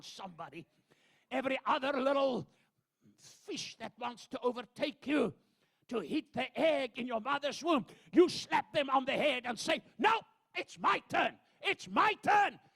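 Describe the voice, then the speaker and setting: An older man from Zambia preaching a sermon, swinging from hushed asides to loud shouted proclamations. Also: very high-pitched, lively intonation, normal speed, creaky, breathy edge. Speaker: pastor.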